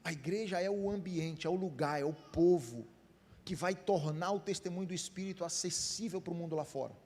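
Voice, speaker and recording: A man's voice: high-pitched, a little fast, a little mellow, breathy edge. A man with a Brazilian Portuguese accent, a pastor preaching a sermon, speaking straight to the congregation with questions and acted-out dialogue. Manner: addresses the congregation directly with questions; conversational preaching with quoted dialogue. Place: church hall. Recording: long hall reverb.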